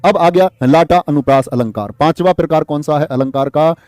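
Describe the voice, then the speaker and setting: Male exam teacher, fairly high, mellow voice, dry close sound, quizzes his class as he goes. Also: moderate pace, no echo. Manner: lively, quizzing students, reading out their comments. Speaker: Hindi exam-prep teacher. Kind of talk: live online class.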